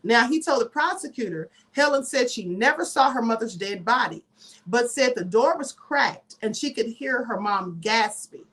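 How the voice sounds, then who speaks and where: Chatty woman host, higher-pitched, emphatic live commentary with asides. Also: animated, normal speed, fairly bright tone. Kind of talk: live commentary and reading news aloud.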